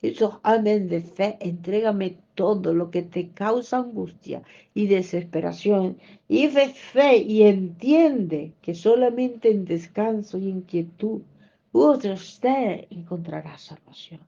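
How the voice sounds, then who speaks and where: A woman preacher leading prayer during a fast, fervent and repetitive, who drifts into tongues and voices God's replies. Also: medium pitch, gravelly, dark tone. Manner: fervent, repetitive, slips into tongues and speaks as God. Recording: dull lo-fi sound.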